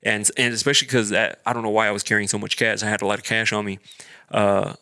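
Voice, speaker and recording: Chatty low-voiced man telling a story. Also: quick pace, no room sound, studio quality. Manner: animated storyteller, acts out quotes in a raised voice. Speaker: podcast co-host. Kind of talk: casual storytelling chat.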